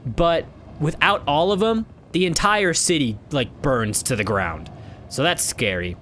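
A man's voice: a little high, expressive, a little slow, a bit bright, a little hiss or hum. A young man hosting a let's play, reading the game text and chatting casually with rambling, laugh-filled asides.

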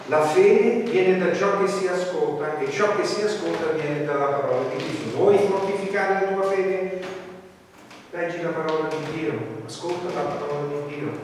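A man's voice: on the high side, slight background noise. A male preacher giving an evangelical sermon, emphatic and often asking his listeners "no?" between points. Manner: emphatic, swings loud and soft, asks the congregation "no?". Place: church hall. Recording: echoey hall from far off.

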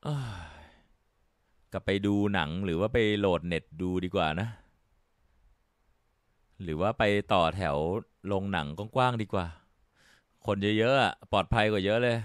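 A man's voice: lowish voice, unhurried, long pauses, no echo, clean studio sound. A man playing a horror game, narrating his moves and exclaiming in fright as he goes. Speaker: gaming YouTuber. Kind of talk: horror game let's play commentary. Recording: game music loud behind the voice.

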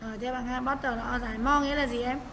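A woman's voice: on the high side, steady tone, fast, long reverb tail, noisy background. A woman with a Vietnamese accent teaching an English pronunciation lesson, patiently repeating key points and calling on students. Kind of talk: online class lesson.

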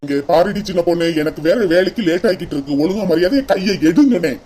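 Cartoon husband voiced by an actor: fast, dark-toned, snappish, Kanyakumari Tamil. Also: mid-range voice, expressive, natural voice. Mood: snapping. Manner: snappish, scolding. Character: grumpy young husband in a hurry. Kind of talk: cartoon voice acting.

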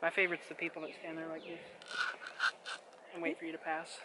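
A man's voice: a little high, completely flat delivery, a little fast. A man in his early twenties with an American accent, chatting casually as a vlogger outdoors. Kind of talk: casual vlog chat. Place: outdoors on wooded trail and open prairie. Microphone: camera at arm's length or slightly behind. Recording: noisy outdoor handheld camera audio.

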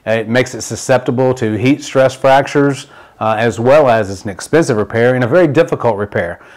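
Middle aged guy doing a product demo, plain how-to explaining, lots of ums and uhs, average pitch. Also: brisk, darkish tone. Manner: plain step-by-step explaining with frequent fillers. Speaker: product demonstrator. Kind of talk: product demonstration. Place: indoor demo table in a studio-like room.

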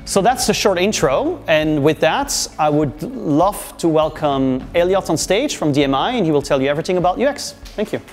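A man's voice: fairly high pitch, lively intonation, moderate pace, hardly any pauses. A man introducing a community workshop, speaking loosely with many fillers in a small meeting room. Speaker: meetup organizer and host. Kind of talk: casual event introduction.

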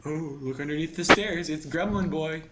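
A man's voice: a little high, moderate pace. Giggly young man on hissy voice chat. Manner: giggly, teasing, excuses himself. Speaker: gamer. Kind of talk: casual gaming voice chat.

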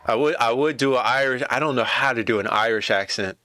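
A man streaming a rugby match, chatting casually and excitedly to his viewers as he reacts to the play. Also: medium pitch, brisk, no room sound, clean studio sound. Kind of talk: casual live reaction commentary.

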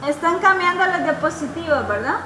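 A woman teaching a grammar lesson, patiently checking that her students follow and slowly repeating words for them to hear. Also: very high voice, animated, sharp tone, roomy sound, a little hiss or hum, poor audio. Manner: patient, checks understanding often. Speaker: English teacher.

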